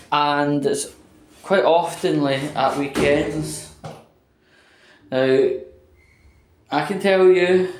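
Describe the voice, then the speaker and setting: Rambling to camera with fillers and restarts, a Scottish man vlogs casually while making his way through a train station and into a lift. He has a fairly high-pitched, darkish voice, and there is slight background noise.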